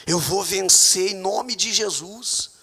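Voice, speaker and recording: A man with a Brazilian Portuguese accent preaching a sermon as pastor in a church, with emphatic, sudden loud high outbursts. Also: slow, breathy edge, in a large hall. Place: church hall.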